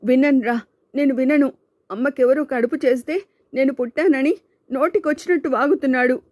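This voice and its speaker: A woman's voice: high-pitched, measured pace, dark tone, breathy edge, dry recording, voice pushed up. Woman voicing a pleading bullied young man. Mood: distraught. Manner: pleading, tearful. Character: bullied young male student, pleading, distraught. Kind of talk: audiobook character voice.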